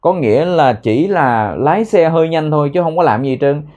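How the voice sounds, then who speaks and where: A man with a Vietnamese accent teaching an English lesson, repeating words slowly to drill pronunciation. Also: on the high side, a little mellow, highs cut off. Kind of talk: language lesson explaining phrases.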